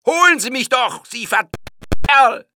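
A man shouting as a cornered raging murderer. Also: very high voice, lively intonation, measured pace, voice pushed up, exaggerated voice. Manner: shouting wildly.

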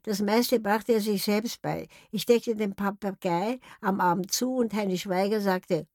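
An older woman recounts memories from her life in a wry, anecdotal manner. Her voice sits at a middle pitch, recorded close and dry with no room sound. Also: a little slow, a little mellow, dry recording. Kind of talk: memoir storytelling.

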